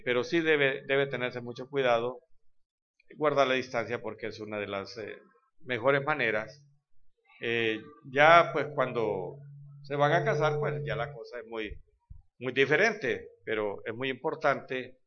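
A man's voice: medium pitch, sharp tone. A man preaching an informal sermon to his congregation. He talks conversationally, tells folksy joking anecdotes and keeps checking in with his listeners. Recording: dull lo-fi recording.

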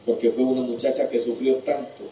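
A man's voice: mid-range voice, level tone, fairly quick, dark tone, slight background noise. A man preaching a sermon as a storyteller, addressing his listeners as brothers. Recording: echoey room from far off.

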